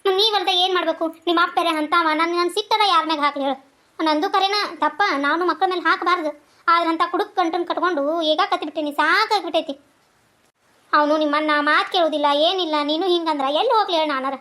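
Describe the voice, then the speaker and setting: A woman voicing a nagging village mother. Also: bright, forceful tone. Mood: tearful. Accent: North Karnataka Kannada. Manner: high, quick, nagging. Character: worried village mother, middle-aged, tired and scolding. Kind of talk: cartoon dubbing.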